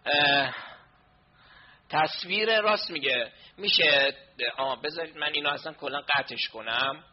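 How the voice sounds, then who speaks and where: A man with a fairly high-pitched voice, heard through dull audio, presents a live online class. He talks casually and sounds flustered as he works through connection and sound problems out loud.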